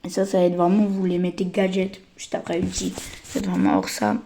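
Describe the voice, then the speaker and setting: A woman who is a little sick and tired, giving casual game tips in a hesitant, stammering way with a slightly croaky voice. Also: on the low side, little pitch movement, fairly quick, dark tone, slight background noise. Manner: hesitant, stammering, many fillers. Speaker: gaming channel host.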